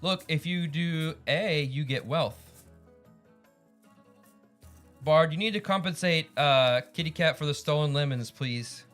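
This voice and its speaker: A man's voice: on the high side, a little slow, long pauses, fairly bright tone. A man hosting a game stream, chatting casually with players, with music behind him.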